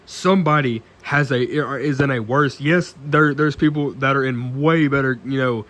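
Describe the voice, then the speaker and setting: A nineteen-year-old man talking casually to camera in an earnest, halting way, full of restarts and fillers, often clearing his throat. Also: mid-range voice, fairly bright tone. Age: late teens. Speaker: vlogger.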